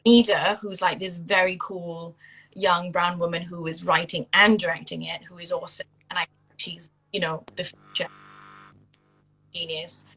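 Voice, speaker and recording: A bright, fairly low-pitched woman in her thirties, from Singapore, talking as an interview guest. She chats loosely and full of fillers and restarts, circling back as she explains. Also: little pitch movement, normal speed, breathy edge, rough recording. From India, raised in Singapore. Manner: chatty, with many fillers and restarts. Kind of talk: casual interview over a phone call.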